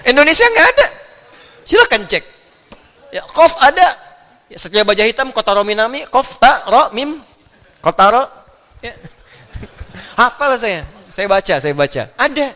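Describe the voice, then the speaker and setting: A man giving an animated Islamic lecture, joking and laughing with the listeners as he explains. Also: very high-pitched, measured pace, long pauses, big-room sound. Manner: animated, jokes and laughs with the audience. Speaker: Islamic preacher. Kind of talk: religious lecture.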